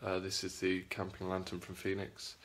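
A man's voice: low-pitched, monotone, moderate pace, fairly bright tone, reverberant, slight background noise. A man in his thirties casually reviewing a camping lantern, chatty and rambling with fillers and restarts. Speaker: cycling light reviewer. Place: small wooden shed, then a home room.

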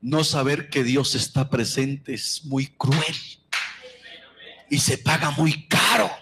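A middle-aged man with a Colombian accent preaching a sermon, telling stories with passion and moving from hushed tones to shouts. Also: mid-range voice, takes it slowly, a little hiss or hum. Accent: Colombian Spanish. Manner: impassioned storytelling, swinging from hushed to shouting.

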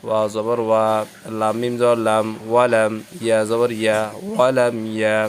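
A man's voice: fairly low pitch, completely flat delivery, normal speed, slight background noise. A man teaching Quran reading, patiently spelling out each syllable letter by letter and joining them into words.

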